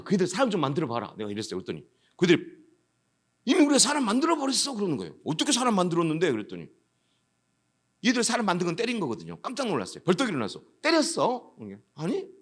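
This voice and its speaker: A middle-aged man giving a lecture as an education official, telling stories and acting out the voices of students and police. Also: a little high. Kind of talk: anecdotal lecture with acted dialogue.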